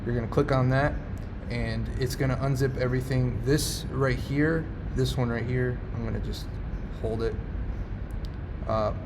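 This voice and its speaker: A man's voice: medium pitch, steady tone, a little slow. Man giving a tutorial in an echoey, noisy room. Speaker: tutorial host. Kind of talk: casual screen tutorial walk-through. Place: echoey studio indoors. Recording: echoey studio room, clearly noisy background.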